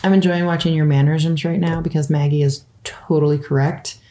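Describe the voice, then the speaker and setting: A woman's voice: low voice, fairly even intonation, fairly quick, noisy background. A woman co-hosting a podcast, chatting casually and teasing playfully. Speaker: podcast co-host. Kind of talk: casual chat. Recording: roomy echo.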